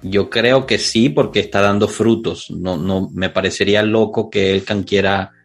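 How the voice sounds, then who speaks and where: A man's voice: fairly low pitch, steady tone, moderate pace, faint music behind. A man with a Latin American accent hosting a casual sports podcast discussion. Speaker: podcast host.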